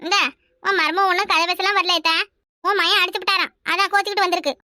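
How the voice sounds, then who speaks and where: A woman's voice: extremely high pitch, fairly even intonation, fast, pushed and bright, no echo, studio quality, heavily acted. A woman voicing a soothing, placating young village woman in a cartoon, speaking with a Kanyakumari Tamil accent. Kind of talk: cartoon voice acting.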